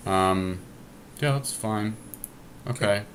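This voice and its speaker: A man in a lowish voice takes his time as he casually works through each move aloud for a teammate. He's a podcast host playing an online card game, recorded as an amateur screen capture with clear background noise.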